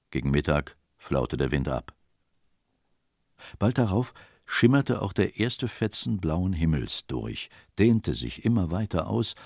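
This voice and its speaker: Deep, gravelly male audiobook narrator. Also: darkish tone, dry recording, clean studio sound. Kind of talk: scripted narration of an adventure novel.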